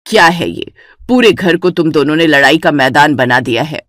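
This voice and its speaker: A woman's voice: low voice, lively intonation, normal speed, no room sound, clean studio sound, pitched below the performer's own voice. A woman voicing a stern, scolding older mother-in-law in a cartoon. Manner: scolding, commanding.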